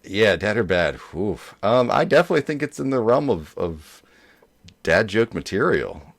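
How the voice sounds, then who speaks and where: A man's voice: on the low side, very animated, normal speed, vocal fry. A man hosting a joke show in casual chat, rambling along with many hesitations. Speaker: host of a dad joke show.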